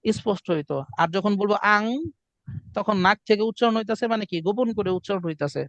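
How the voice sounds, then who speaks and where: A man's voice: high voice, quick pace, gravelly, no echo. A man teaching a class, explaining pronunciation and drilling students with chanted call-and-response. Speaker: Quran recitation teacher. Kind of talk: classroom lesson. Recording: dry, muffled lo-fi sound.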